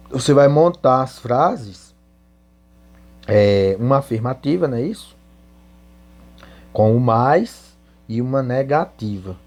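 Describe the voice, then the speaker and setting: A man's voice: mid-range voice, a little mellow. A man teaching English in Portuguese, spelling out English answers word by word and then translating them. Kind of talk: slow classroom explanation.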